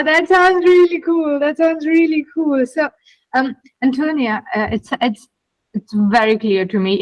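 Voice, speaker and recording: A woman hosts a podcast interview with gushing enthusiasm, repeating her phrases for emphasis. Her voice sits at an ordinary middle pitch for a woman. The recording is dry and close, with no room sound. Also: no room sound, low-quality recording. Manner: enthusiastic, effusive, repeats herself. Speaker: podcast host. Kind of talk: casual interview chat.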